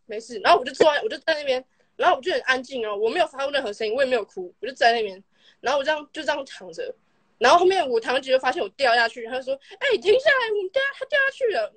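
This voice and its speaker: A woman's voice: high-pitched, slightly rough, dry recording. A woman telling a childhood story on a live stream, rambling and stringing clauses together with constant fillers. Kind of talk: casual storytelling.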